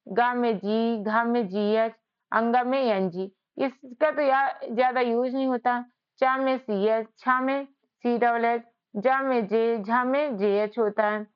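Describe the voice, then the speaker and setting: A woman's voice: a little high, steady tone, takes it slowly, smooth, highs cut off. A woman teaching spelling in a patient lesson, repeating each point and asking questions back to her students. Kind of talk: whiteboard lesson.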